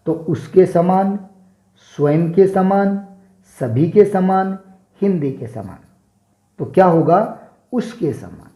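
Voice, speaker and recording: Slow, deliberate Hindi teacher. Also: male voice, high-pitched, lively intonation, dark tone, reverberant, rough recording. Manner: slow, deliberate spelling drills, repeating words to show pronunciation. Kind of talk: exam-prep lesson.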